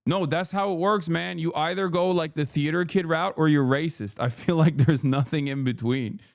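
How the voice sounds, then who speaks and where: A man's voice: a little high, moderate pace, vocal fry, no room sound, studio quality. A man in his thirties who grew up in Turkey, rambling and joking through casual, profane reaction commentary. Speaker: streamer reacting to clips.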